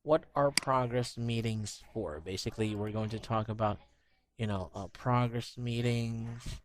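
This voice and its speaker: Against a noisy background, a man speaking at medium pitch and a measured pace tutors English one-on-one by video call. He explains fresh vocabulary patiently through everyday examples, relying heavily on "you know."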